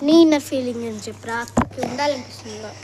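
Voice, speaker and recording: A woman's voice: on the high side, very fast, background noise. A woman with a Telangana Telugu accent, vlogging and pleading emotionally. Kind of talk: casual vlog chat. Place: outdoors.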